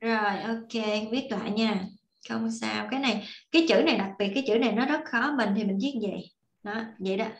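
A woman's voice: on the high side, brisk, creaky, echoey room. A woman teaching an online Korean class, explaining patiently and repeating examples as she writes. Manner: patient, repeats and demonstrates while writing.

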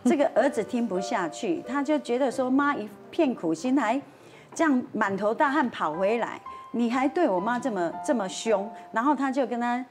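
A woman's voice: on the high side, expressive, normal speed, faint music behind. A woman with a Taiwanese accent telling a dramatic anecdote on a talk show, acting out the quoted voices and slipping into Hokkien phrases. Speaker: storyteller guest on a talk show.

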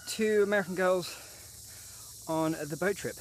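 A man's voice: high voice, measured pace, slight background noise. A man talking casually to camera on a travel vlog while hiking, out of breath and self-mocking. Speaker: travel vlogger. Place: outdoors on a hiking trail. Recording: loud outdoor ambience with insects.

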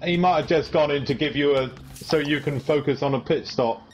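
A man's voice: a little high, fairly quick. A man casually chatting and thinking aloud about race strategy with his sim racing teammates. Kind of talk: casual chat over team voice chat.

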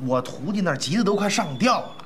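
Brief: casual Beijing everyman, Beijing accent, loose delivery, lively swings. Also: sits high, fast talker, slight background noise. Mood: coaxing. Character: easygoing Beijing working-class man. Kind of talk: TV drama dialogue.

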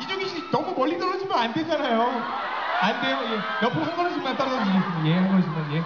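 A man hosting party games at a fan event, calling out cues loudly and chanting. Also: very high voice, very animated. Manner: loud, repeated cues and quick chanting. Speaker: event emcee. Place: university event hall. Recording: echoey, dull fan recording with crowd noise.

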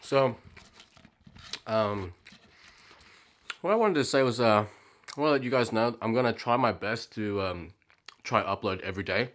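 A man's voice: on the low side, normal speed, pauses often, fairly bright tone. A man vlogging casually as he eats, talking with his mouth full in a laid-back, rambling way. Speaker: food vlogger. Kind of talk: casual chat to camera while eating.

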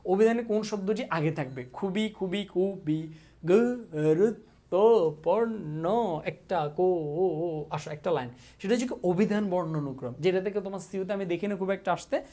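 Teasing coaching teacher. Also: male voice, high-pitched, a little fast, mellow. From Bangladesh. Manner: teasing, repeats questions, mock threats, drills students. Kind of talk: casual exam-prep class.

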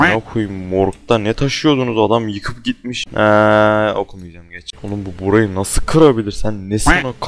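A young man giving casual, swearing commentary while playing a horror game, yelping when startled. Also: fairly low pitch. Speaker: gaming channel host.

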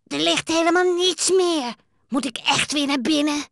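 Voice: high-pitched, unhurried, creaky, a bit bright, dry recording, studio quality, exaggerated voice. A performer voicing a small dragonfly sidekick in a video game, cheeky, boastful and complaining but loyal, buzzing between lines. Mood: grumbling. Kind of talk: animated video game voice acting.

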